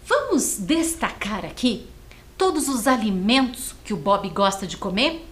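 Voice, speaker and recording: A woman teacher leading a televised first-grade lesson, reading slowly and sounding out words syllable by syllable in a sing-song way. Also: on the high side, big pitch swings, fairly bright tone. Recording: echoey studio with faint ambience.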